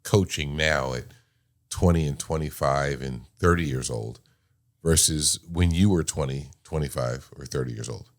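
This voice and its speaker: A man's voice: extremely low pitch, normal speed. A man hosting a casual talk show, jovial, steering the guests with questions. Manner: jovial, asks probing questions. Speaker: host.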